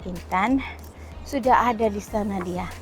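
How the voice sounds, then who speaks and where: A medium-pitched, slightly slow woman's voice comes from a middle-aged vlogger of East Nusa Tenggara, eastern Indonesia, walking outdoors on a beach. She chats casually with lots of "eh" and brief laughter while faint music plays behind.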